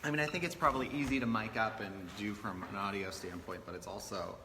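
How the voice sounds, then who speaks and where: A man's voice: lowish voice, fairly even intonation, fast talker. A man co-hosting a morning show, chatting cheerfully and casually off air in a large TV newsroom. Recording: reverberant newsroom with audible background noise.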